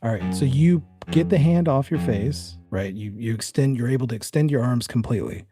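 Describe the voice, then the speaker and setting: Here a man with a mid-range, warm voice runs a tabletop horror game, talking in an animated, brisk way and putting the player into each scene with "you." He moves between suspenseful story beats and relaxed discussion of the rules. The recording is dry, with soft music underneath.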